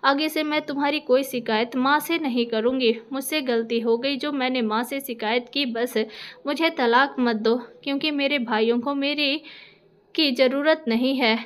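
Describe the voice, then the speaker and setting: A woman's voice: sits high, steady tone, moderate pace, natural voice. A woman reading as a pleading young wife.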